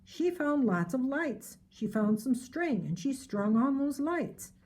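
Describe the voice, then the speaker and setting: A woman's voice: high voice, sing-song, slow pace, a little mellow. An older woman reading a children's storybook aloud in a grandmotherly storytelling manner.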